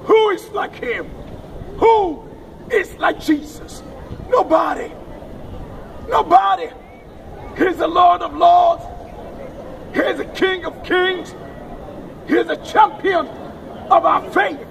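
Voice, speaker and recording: An older man preaching in a town square, kneeling and chanting slow, repeated praise refrains. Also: extremely high pitch, vocal fry, a bit bright, some chatter behind. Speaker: street preacher. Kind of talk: open-air street preaching. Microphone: distant handheld camera. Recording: distant outdoor street recording with noise. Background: street and wind noise.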